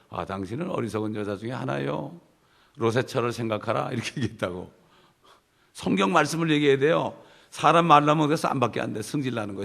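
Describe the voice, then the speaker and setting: A man's voice: medium pitch, creaky, a bit bright. A middle-aged male pastor teaching a Bible study sermon, emphatic and conversational, with asides to the congregation.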